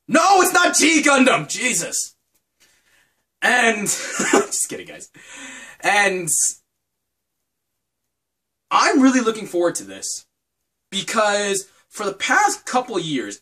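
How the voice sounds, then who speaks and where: Animated high-pitched man rambling. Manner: animated, rambling, self-correcting. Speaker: anime reviewer. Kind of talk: casual anime preview commentary.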